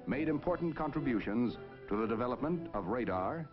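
A man's voice: mid-range voice, animated, brisk. A man narrating a 1950s television broadcast in a stately, declamatory announcer delivery. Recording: dull lo-fi 1950s film soundtrack with music.

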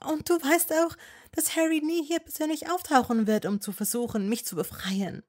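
A woman's voice: high-pitched, fairly even intonation, normal speed, voice pushed up, close to an everyday voice. Woman playing Hermine, a pleading young witch. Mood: urgent, challenging. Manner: urgent, pleading, insistent. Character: desperate, stubborn young witch held captive.

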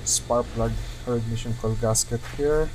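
Male mechanic for casual how-to narration: plain, practical delivery, ordinary mid pitch, recorded in a noisy garage. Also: steady tone, normal speed. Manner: plain, matter-of-fact. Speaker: mechanic giving a repair tutorial. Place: car repair garage. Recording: clear workshop background noise.

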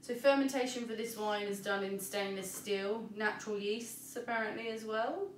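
Relaxed woman, echoey and a bit distant. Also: mid-range voice, normal speed, slight background noise. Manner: relaxed, informative, frequent agreeing. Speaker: podcast co-host. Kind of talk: casual wine-tasting chat. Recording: echoey room, distant mic, faint ambience.

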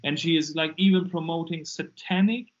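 A man from Germany with a German accent, speaking English as a guest in an interview about his ministry, earnest and animated. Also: fairly high pitch, moderate pace. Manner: earnest, animated, acts out quoted voices. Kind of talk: casual interview over a call. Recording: muffled lo-fi call audio.

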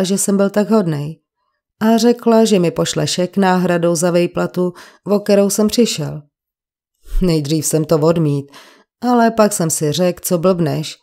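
Gruff working-class bricklayer witness, coarse and grumbling, low dark voice, read by a woman for a crime audiobook. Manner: coarse colloquial speech, grumbling.

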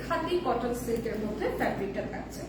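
A hoarse woman hosting a live selling stream, chatting casually and mixing in English phrases, heard in an echoey room with the mic at a distance. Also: fairly high pitch, animated, fast talker, background noise. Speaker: live-sale host.

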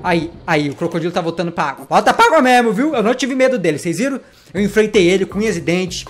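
Fast-talking excitable gamer. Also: male voice, high-pitched, soft background music. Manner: excitable, jumpy, talks straight to viewers. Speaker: gaming vlogger. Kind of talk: let's-play commentary.

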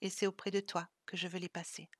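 A woman reading the lines of a gentle, weary man cursed for centuries, speaking softly and tenderly. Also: on the low side, little pitch movement, quick pace, no room sound, clean studio sound, lightly acted.

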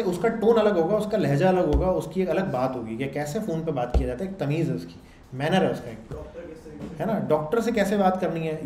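A man, lecturing a class loudly in a conversational way and often checking in with the students. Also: a little high. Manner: loud, conversational teaching with frequent check-ins to the class. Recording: echoey room with faint background noise.

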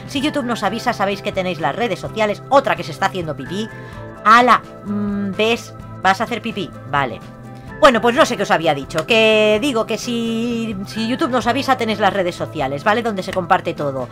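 A woman's voice: medium pitch, lively intonation, brisk, fairly bright tone, soft background music. A woman in her twenties with a Spain Spanish accent, chattily narrating a life-sim game and breaking into shrieks of shock. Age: 20s. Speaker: let's play gamer.

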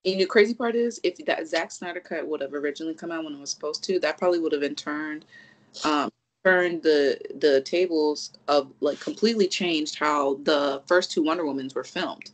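A podcast co-host in casual chat, animated and profane, rambling through restarts and acting out reactions. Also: mid-range voice, brisk, poor audio.

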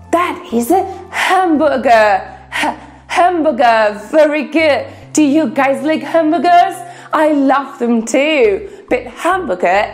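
A young woman whose first language is Spanish, teaching English letter sounds to children in a playful, animated way, sounding out each letter. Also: high voice. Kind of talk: playful phonics lesson for kids.

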